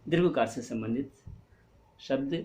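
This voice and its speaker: A male teacher explaining a Hindi spelling lesson to young pupils, asking questions and answering them himself, and drawing out words slowly to show how they sound. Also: mid-range voice, a little mellow. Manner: explains patiently, asks and answers his own questions; stretches and stresses words to show pronunciation. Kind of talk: online class lesson.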